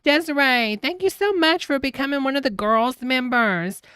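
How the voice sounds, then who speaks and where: A woman's voice: high-pitched, normal speed, pushed and bright, clear, resonant tone, no room sound, studio quality. A woman hosting a livestream with casual, mocking reaction commentary and a sassy way of talking. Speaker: livestream host.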